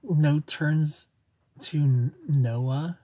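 Very slowly and in a steady tone, a man in his thirties talks in a high-leaning, mellow voice with a breathy edge. He's doing a playful live-stream chat from his car at night under neon, reading viewer comments and frequently laughing into a phone held close.

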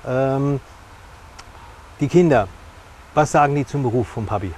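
Presenting a TV interview from a lakeside café terrace outdoors, this middle-aged male host has a mid-range, darkish voice and a measured pace. He leans on emphasis and repeats phrases to drive points home, captured clearly by a lapel mic over outdoor background noise.

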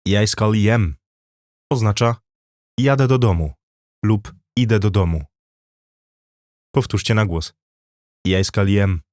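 Slow, low-voiced male language teacher. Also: darkish tone, no room sound, studio quality. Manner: slow and deliberate, repeating phrases for learners to copy. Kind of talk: scripted language lesson.

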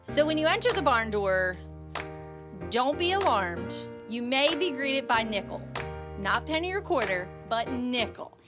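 Over music, a chatty, enthusiastic American woman in her thirties presents an upbeat promotion to camera for a local shopping show, holding a handheld microphone inside a small home decor shop. Her fairly high voice swings widely in pitch at a measured pace.

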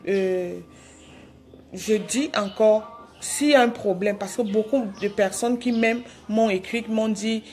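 In a slightly slow, mid-range and mellow voice, a woman makes a live video apology to her followers from her phone. She pleads, repeats herself and falters into restarts.

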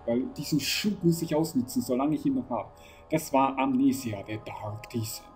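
Excitable man playing a horror game. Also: mid-range voice, moderate pace, soft background music. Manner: excitable, talks to the game character, swears when tense. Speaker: gaming channel host. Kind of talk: horror game let's play commentary.

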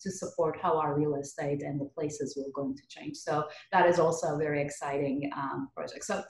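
On a podcast, a Turkish-accented geotechnical earthquake engineer in her thirties, originally from Turkey, answers the interviewer conversationally in a low-pitched, fairly even voice at normal speed. She's indoors in her living room on a video call, recorded through a computer mic with roomy echo.

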